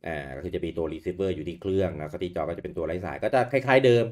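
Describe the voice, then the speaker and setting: A man with a low, deep voice talks through old game hardware in a loose, chatty podcast way. He keeps things relaxed and throws in casual swear words as he goes. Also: fast. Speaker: podcast co-host. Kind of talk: casual chat about retro games.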